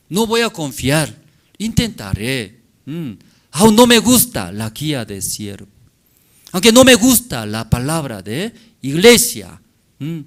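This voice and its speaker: A man with a Korean accent preaching a sermon in a church. He speaks as a non-native, in halting, simple phrasing. He keeps checking in with his congregation, asking whether they follow him. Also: mid-range voice. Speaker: pastor.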